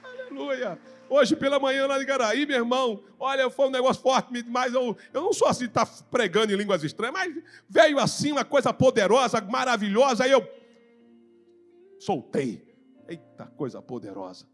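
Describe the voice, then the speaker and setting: A man from Brazil preaching a fervent Pentecostal sermon in church, telling his own testimony and rising into shouted exhortation. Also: extremely high pitch, a little fast, soft background music. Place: church service.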